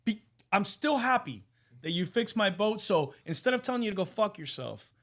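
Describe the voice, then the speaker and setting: A shrill, breathless rich yacht owner, as a man puts him on, pitched far above a normal talking voice and swearing freely. He's an excitable middle-aged moneyed guy who flips between gushing and outrage, told as a podcast anecdote. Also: normal speed, heavily acted. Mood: indignant. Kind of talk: podcast storytelling.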